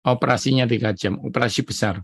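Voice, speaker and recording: Gravelly Indonesian preacher testifying tearfully. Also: male voice, mid-range voice, fast talker, no room sound, studio quality. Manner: emotional, addresses congregation as saudara. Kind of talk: sermon testimony.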